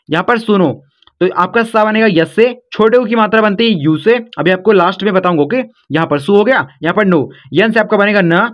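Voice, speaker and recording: A man teaching beginners to spell words step by step, slowly and patiently, addressing his students as kids and brother. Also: high-pitched, fairly bright tone. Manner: slow, step-by-step explaining, calls listeners kids and brother. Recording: dull lo-fi sound.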